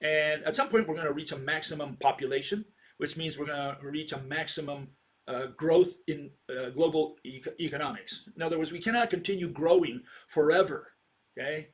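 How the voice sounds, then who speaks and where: Speaking briskly in a voice on the high side, a sixty-something man delivers a meandering, informal lecture. He throws out rhetorical questions and keeps asking "okay?"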